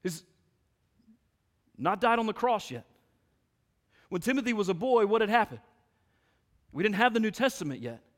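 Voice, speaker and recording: Male pastor, sermon delivery, somewhat high voice, emphatic rhetorical questions, long hall reverb. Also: big pitch swings, normal speed, long pauses.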